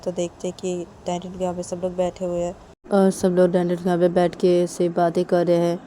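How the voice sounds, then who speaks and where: Mellow-voiced woman telling a story. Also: on the low side, monotone, fast talker, slight background noise. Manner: repetitive linking with "तो तभी". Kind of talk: casual story narration.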